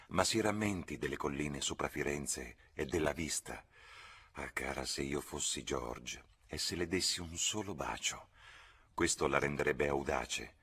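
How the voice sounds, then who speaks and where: A man voicing a gentle old man who speaks softly, earnest and heartfelt, in an audiobook reading. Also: very deep voice, breathy edge, exaggerated voice.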